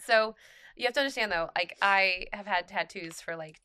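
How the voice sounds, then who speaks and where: A bright, forward-sounding woman in her thirties, chatting casually as a podcast co-host. She talks loosely, drops sentences halfway and laughs easily. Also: mid-range voice, normal speed, smooth. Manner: chatty, laughs often, trails off mid-thought. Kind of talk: casual chat.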